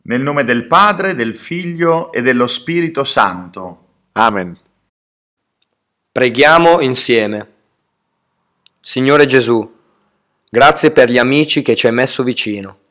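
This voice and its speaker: A man leading a prayer and reading scripture in a solemn, measured way. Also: mid-range voice, animated, a bit bright. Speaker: prayer leader and reader.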